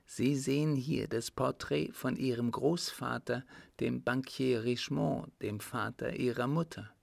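A man's voice: creaky, dry recording. A man voicing a wistful older countess. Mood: confiding. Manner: raised pitch, softly confiding, measured. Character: wistful older widowed countess, rich and resolute. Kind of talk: audiobook reading.

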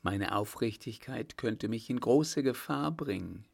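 A man voicing a shy, frightened young woman in a read-aloud novel, speaking gently and pleadingly. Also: mid-range voice, animated, a little slow, gravelly. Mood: earnest.

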